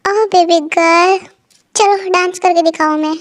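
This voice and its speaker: Woman doing a creepy bar thug guy, mocking, leery, high voice. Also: fairly even intonation, unhurried. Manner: mocking, leering. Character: sleazy young male bar thug, taunting.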